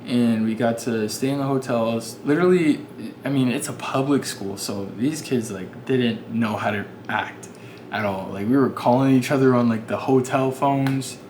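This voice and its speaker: A man's voice: mid-range voice, moderate pace, darkish tone. A young man vlogging, telling a casual story full of fillers and restarts. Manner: rambling, many fillers and restarts. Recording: noisy background ambience.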